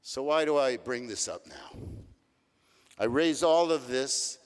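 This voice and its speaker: An older man, a rabbi, giving a reflective sermon that tells stories and leans on measured emphasis. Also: medium pitch, clean tone. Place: large synagogue sanctuary. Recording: long hall reverb.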